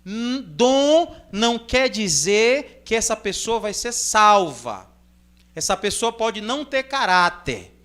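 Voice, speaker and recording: High-voiced Brazilian preacher. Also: male voice, sing-song, pushed and bright. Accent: Brazilian Portuguese. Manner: reads scripture in measured phrases, then explains in a loose, conversational way. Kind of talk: Bible reading and informal sermon commentary.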